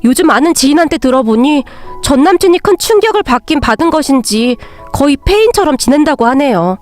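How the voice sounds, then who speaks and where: A woman narrating a first-person story in a steady, plain storytelling manner. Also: high voice.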